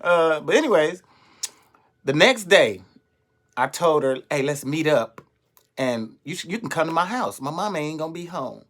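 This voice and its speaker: A young adult man, a comedian, telling a story in an animated, profane way and acting out the voices of the people in it. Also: on the high side, normal speed. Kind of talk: storytelling monologue.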